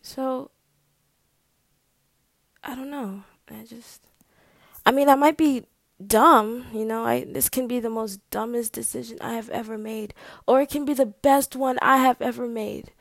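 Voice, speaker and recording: A young woman speaking slowly into a personal video diary, her voice gravelly with vocal fry. She hesitates and restarts often and at times sinks into a near-whisper. The recording is close and dry, with no room sound. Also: fairly high pitch, fairly even intonation, dry recording. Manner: hesitant, halting, full of fillers; drops to a soft whisper at times. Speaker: vlogger.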